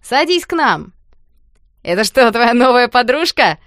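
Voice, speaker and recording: A woman voicing a gang of rowdy teenage boys who jeer and shout at a couple. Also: a little high, very animated, measured pace, no room sound, studio quality, pitched above the performer's own voice. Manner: shouting, jeering.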